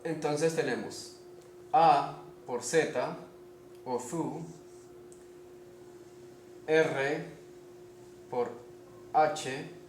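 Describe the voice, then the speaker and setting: A man giving a slow spelling lesson, speaking deliberately, pausing often and checking in with his listeners. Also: on the high side, steady tone. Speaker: language teacher. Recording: echoey room with faint background noise.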